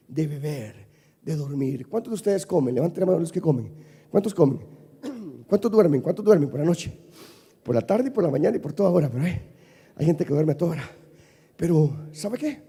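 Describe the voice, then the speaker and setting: A male pastor preaching a sermon, leading the congregation in call-and-response and building up to shouts. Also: fairly high pitch, slightly rough, in a large hall. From Costa Rica. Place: church sanctuary.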